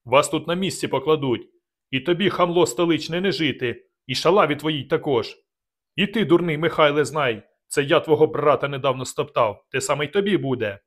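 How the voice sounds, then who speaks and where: A man voicing a vicious male traitor who shouts threats from horseback in an audiobook. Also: a little high, a little fast. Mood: furious threats. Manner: shouted, raised and strained.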